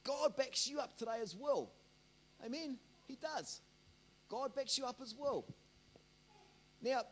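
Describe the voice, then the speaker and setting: An Australian pastor preaches a sermon in a very high, slightly bright voice, with a little hiss or hum in the recording. His delivery rambles and repeats words, and he keeps calling on the congregation for amens.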